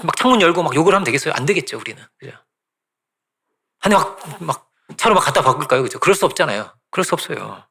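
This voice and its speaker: A man's voice: on the high side, expressive, fast talker, creaky, sharp tone, slightly rough. A male pastor giving a conversational sermon, often asking the congregation "right?" and repeating phrases for emphasis.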